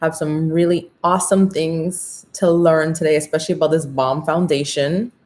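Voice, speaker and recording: Female American live-stream makeup host, speech through new braces, lower-than-average register, excited and slangy, chatty with viewers. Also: normal speed. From Orlando, Florida, USA. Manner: talking with new braces on her teeth; upbeat, excited, informal and slangy.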